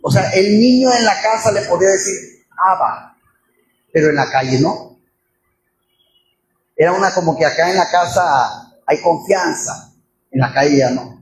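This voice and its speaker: A man's voice: high voice, animated, moderate pace, pauses often. A man preaching an expository sermon, asking the congregation questions and acting out quoted voices. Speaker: pastor. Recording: echoey room with faint ambient noise.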